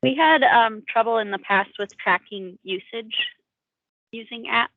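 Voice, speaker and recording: A woman's voice: on the high side, unhurried, no echo. A woman attending a meeting over a video call, asking questions in a casual, slightly hesitant way. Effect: heard over a video call. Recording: thin, phone-like call audio.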